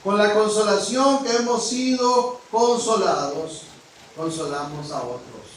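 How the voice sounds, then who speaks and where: High-voiced preacher in an echoey hall. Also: male voice, unhurried, a little hiss or hum. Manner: preaching with rising exclamations and sudden drops to a hush; frank, addresses the congregation directly. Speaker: pastor. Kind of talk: sermon. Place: church hall. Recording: echoey hall, mic at a distance.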